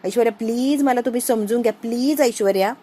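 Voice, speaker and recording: A woman's voice: a little high, quick pace, warm tone, close to an everyday voice. Brief: woman voicing distraught young husband, begging and repetitive, serial-recap read. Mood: pleading. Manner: pleading, repeating himself. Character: distraught young man pleading, tearful.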